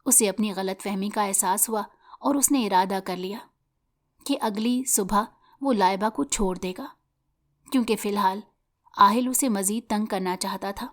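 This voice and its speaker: A woman narrating a dramatic novel as scripted storytelling, steady and even. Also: mid-range voice.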